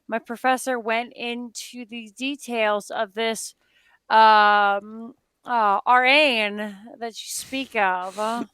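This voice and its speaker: Young woman from Phoenix, co-host, casual and sweary, stammers; tense bright voice, crisp and close. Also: fairly high pitch, fairly even intonation, slow, dry recording. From Phoenix, Arizona, United States. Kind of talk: casual reaction chat.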